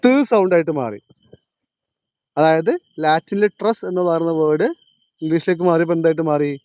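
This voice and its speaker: A man with a high, clean, somewhat mellow voice lectures a class. He asks his students questions and restates each point, slowing on key terms, and the sound is dry and echo-free.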